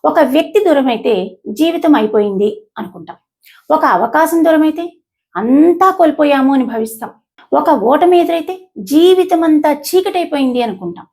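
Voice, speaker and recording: A woman hosting a lesson, explaining verse pronunciation slowly and carefully, syllable by syllable, with English words mixed in. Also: high-pitched, animated, a little mellow. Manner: mixes English words into the talk. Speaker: host and Gita teacher.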